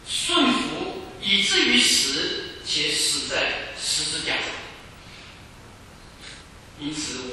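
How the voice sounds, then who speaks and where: Man preaching in an echoey hall. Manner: swings between soft, low passages and raised, emphatic lines. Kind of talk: sermon. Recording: echoey hall, voice from far off, faint background noise.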